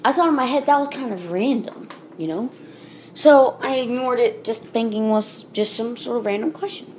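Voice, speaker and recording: A woman's voice: a little high, normal speed, darkish tone, slight background noise. A woman telling a creepypasta in a casual, unscripted way, with fillers and self-corrections along the way. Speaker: storyteller. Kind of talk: casual spoken creepypasta reading.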